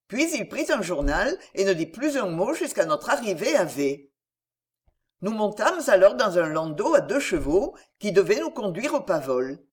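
A woman narrating a novel aloud in an expressive reading voice. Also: medium pitch, breathy edge. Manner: expressive, shaping the dialogue. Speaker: audiobook narrator. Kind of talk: storytelling narration, read aloud.

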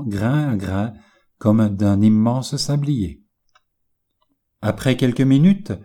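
A male audiobook narrator reads a classic novel in a measured, literary manner. His delivery is slow and unhurried. His tone is dark and mellow. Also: medium pitch.

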